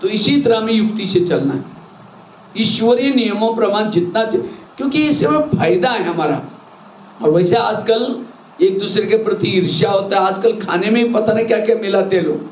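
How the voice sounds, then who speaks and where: A man's voice: high voice, darkish tone. A man teaching a spiritual class, explaining rules with everyday examples and rhetorical questions. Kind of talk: sermon to a class. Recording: echoey hall with faint noise.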